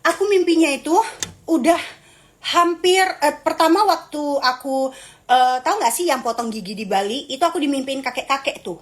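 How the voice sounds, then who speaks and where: A woman's voice: sits high, expressive, moderate pace. A young woman, streaming live and reading comments, in a dramatic, playful, teasing way.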